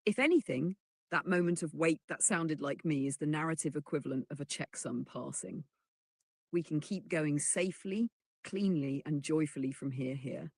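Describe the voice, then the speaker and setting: A synthetic voice reading an AI chatbot's answer aloud in a measured, explanatory way, even speaking the quote marks. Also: medium pitch, no room sound. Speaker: AI assistant reply read aloud.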